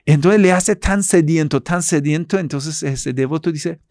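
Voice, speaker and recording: A Persian-accented man from Iran teaching a religious lesson in storytelling form. He leans on repetition to drive points home, his voice a bit high for a man. The sound is close and dry, with no room around it. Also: moderate pace, darkish tone, no echo. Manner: earnest, repetitive emphasis with fillers.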